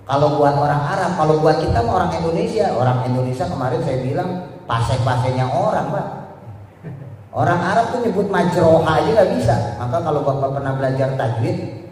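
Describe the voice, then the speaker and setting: A man's voice: on the high side, animated, brisk, a little mellow. A man, a religious teacher, gives a kitab study lesson in a casual, joking way, reading Arabic phrases and translating them one by one for the listeners. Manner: joking, talks directly to the listeners. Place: large hall for a public religious gathering. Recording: echoey hall from far off.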